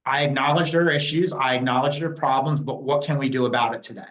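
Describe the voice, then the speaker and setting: A man in his fifties from New Jersey, appearing as an interview guest and Native community liaison, gives blunt, opinionated answers in a candid interview with frequent fillers. His voice is mid-range, steady in tone, fast and a bit bright, and the audio quality is poor.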